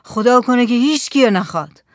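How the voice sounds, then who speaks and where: A blunt, pious older fisherman, voiced by an audiobook reader fires off pointed questions. The voice sits at a middle pitch and sounds dry, as if recorded close to the mic. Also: lively intonation, no room sound, lightly acted.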